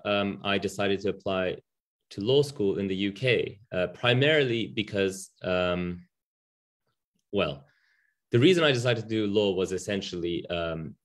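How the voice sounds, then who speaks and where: A deep-voiced Japanese native speaker in his thirties, a barrister, gives a webinar talk as a panelist over a video call from a room at home. He's candid, with frequent ums and restarts.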